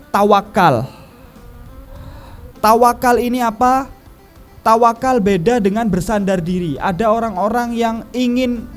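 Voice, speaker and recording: A male preacher with a fairly high voice gives an emphatic sermon and tells stories as he goes. He speaks to a religious gathering, with faint music in the background. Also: darkish tone. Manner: storytelling, emphatic.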